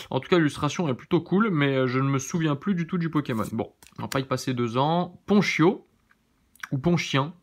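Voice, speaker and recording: A man hosting his channel, giving casual, relaxed commentary as he opens trading cards, often thinking aloud and second-guessing names. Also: fairly high pitch. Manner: relaxed, chatty, many fillers. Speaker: YouTube channel host. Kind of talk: casual card-opening commentary.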